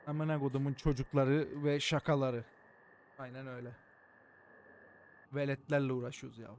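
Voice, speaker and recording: A man's voice: medium pitch, little pitch movement, moderate pace, a little mellow, a little hiss or hum. A man streaming a game live, joking around, swearing often and thanking his viewers by name. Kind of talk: live gameplay commentary.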